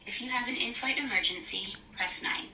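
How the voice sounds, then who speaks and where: Female recorded phone message voice; crisp, polite menu prompts, heard from a distance. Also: on the high side, pushed and bright. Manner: polite, measured, clearly enunciated. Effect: recorded phone message played over a speakerphone. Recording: echoey, from far off, faint hiss.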